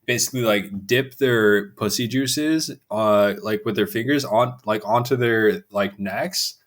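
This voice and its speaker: A man's voice: lowish voice, unhurried. A man co-hosting a podcast, teasing and quizzing his co-host in casual chat.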